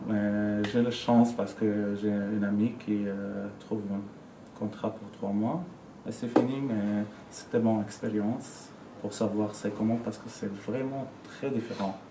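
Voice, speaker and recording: Speaking French as a learned language, this man from Syria, in his twenties, offers casual testimony in an interview, groping for words yet sounding convinced. His voice is on the low side, fairly even in intonation and a little slow, recorded from a distance in a roomy space with faint noise.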